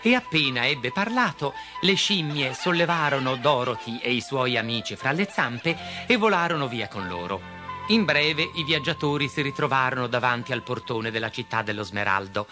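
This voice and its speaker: A man narrating a fairy tale in an expressive storybook style. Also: medium pitch, normal speed, music in the background. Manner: expressive, switching to character voices.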